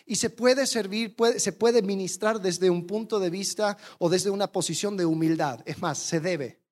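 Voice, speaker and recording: Animated preacher asking rhetorical questions. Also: medium pitch, moderate pace. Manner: animated, acts out quoted attitudes. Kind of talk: sermon.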